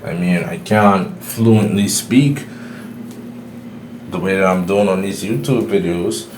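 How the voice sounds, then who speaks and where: There's background noise behind this low-pitched man, who takes his time as he speaks. A Bahamian-accented astrology YouTuber, he gives an opinionated, explanatory solo monologue to camera, restarting now and then.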